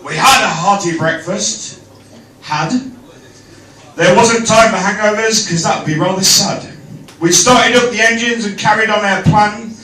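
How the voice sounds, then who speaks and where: High, bright-voiced man giving an echoey wedding toast. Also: unhurried. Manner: jokey, projected to a room. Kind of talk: informal wedding toast speech with comic rhyming verse. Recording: echoey room, picked up from far off.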